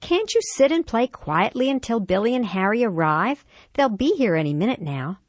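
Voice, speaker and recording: A woman's voice: sing-song, normal speed, no echo. A woman reading as an exasperated young mother. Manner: high, strained storybook voice.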